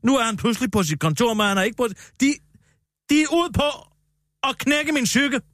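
A man's voice: very high-pitched, very animated, fairly bright tone, no echo, clean studio sound, heavily acted. A man voicing a paranoid, indignant middle-aged woman columnist in a comedy radio sketch, rambling in aggrieved complaints.

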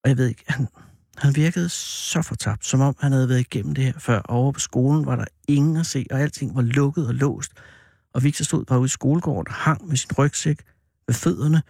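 A man's voice: mid-range voice, creaky, breathy edge, no echo. Man telling a story in a dry voice. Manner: animated, drawn-out delivery that turns hesitant with many fillers. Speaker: radio host. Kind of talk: personal storytelling monologue.

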